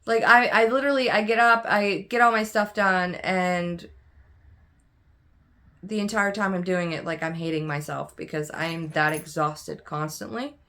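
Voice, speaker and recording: A woman's voice: fairly low pitch, fairly even intonation, normal speed, sharp tone. Tired, rambling woman vlogger. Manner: rambling, candid, many fillers and restarts. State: tired, yawning. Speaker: cross stitch vlogger. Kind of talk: casual chat to camera.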